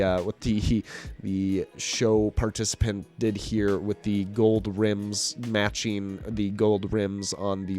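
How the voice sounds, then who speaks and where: A man with a somewhat low, hoarse voice narrates a video he hosts. He is losing his voice and rambles in a relaxed way, full of "uh" and restarts. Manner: casual, rambling, many fillers and restarts. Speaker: host. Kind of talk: voice-over narration of a car show.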